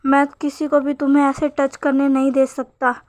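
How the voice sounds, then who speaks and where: A woman reading as a quiet remorseful young husband. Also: high voice, completely flat delivery, normal speed, dry recording, lightly acted.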